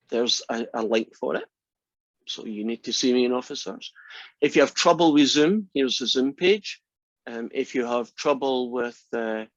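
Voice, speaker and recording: With a joking, teasing manner, an older Scottish math teacher in his sixties introduces his class. The dry recording captures his mid-range voice with a slightly dull, lo-fi quality.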